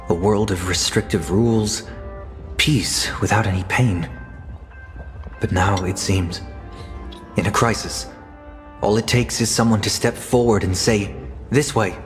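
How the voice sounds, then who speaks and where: A man acts a composed, philosophical leader in a video game. His voice is on the low side, solemn and formally measured, with music clearly behind it. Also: natural voice. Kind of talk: video game character acting.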